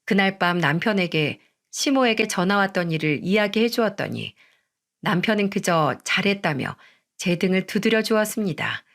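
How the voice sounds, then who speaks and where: A woman in her thirties calmly narrating a listener's story in the first person, in a measured way. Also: mid-range voice.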